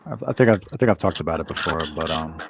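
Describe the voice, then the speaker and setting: A man's voice: a bass voice, animated, fast, noisy background. A man hosting a casual political chat show, talking bluntly and repeating words as he starts his sentences. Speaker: show host.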